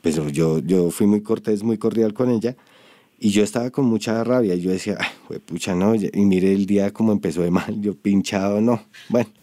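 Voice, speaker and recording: Soft-spoken, dark-voiced man. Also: lowish voice, a little fast, dry recording, clean studio sound. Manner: soft, reflective, hesitant. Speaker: storyteller. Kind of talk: interview answer, personal story.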